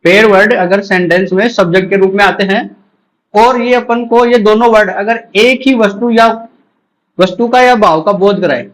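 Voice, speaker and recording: A man with a high voice teaches English grammar to exam candidates. He explains in Hindi with English terms mixed in. He repeats each rule and checks understanding with short questions. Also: rough recording. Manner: repeats key terms, asks the class quick check questions. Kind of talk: exam-prep grammar lecture.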